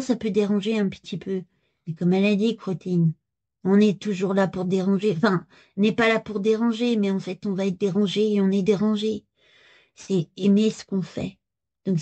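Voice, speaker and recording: A woman's voice: fairly low pitch, warm tone, husky. A woman playing a giggly, childlike female clown who rambles playfully in a slightly dull recording.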